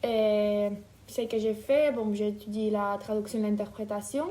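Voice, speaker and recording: A woman in her twenties from Ukraine, speaking French, answering interview questions thoughtfully with many pauses. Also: mid-range voice, level tone, mellow. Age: 20s. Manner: hesitant, thoughtful, many fillers. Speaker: interview guest. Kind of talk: casual interview.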